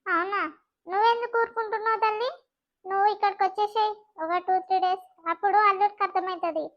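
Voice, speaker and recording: A woman's voice: extremely high pitch, fairly even intonation, fast talker, dull audio. A woman voicing a worried middle-aged village mother with a Telangana accent, fussing over her married daughter. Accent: Telangana Telugu. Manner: fretful, fussing.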